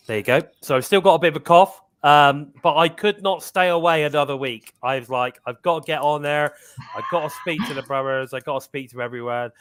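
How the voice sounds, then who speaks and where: Chatting upbeat on a live-stream talk show he hosts, this man draws out his fillers and keeps coughing now and then. His voice is on the high side, slightly bright, and smooth.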